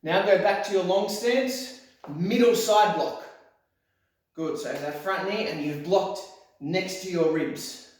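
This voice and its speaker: A male karate instructor teaching step by step, calling out sharp, clipped martial arts commands. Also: high-pitched, slow pace. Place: echoey indoor room, voice some distance from the mic. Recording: very echoey hall, distant mic.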